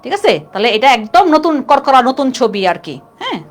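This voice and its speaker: A woman's voice: high voice, sing-song, moderate pace. A woman teaching a live online class, chatty and constantly quizzing her students. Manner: chatty, keeps asking students questions.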